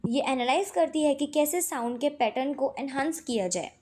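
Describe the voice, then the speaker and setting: High-voiced woman explaining poetry terms. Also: animated, a little mellow. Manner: reads English definitions slowly, then explains them in Hindi. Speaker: teacher. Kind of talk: lecture explaining literary terms.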